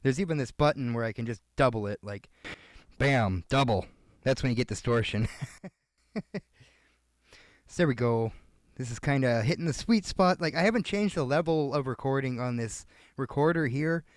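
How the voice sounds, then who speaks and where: A relaxed man from Canada talks viewers through a microphone test in a casual, thinking-aloud way. He speaks close into a studio dynamic mic, and the sound is dry with almost no room on it. His pitch sits in a middle range for a man. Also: moderate pace, no echo. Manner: chatty, laid-back, thinks aloud with fillers. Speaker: video creator testing microphones. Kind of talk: casual gear review talking to viewers. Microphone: switching between studio dynamic microphones.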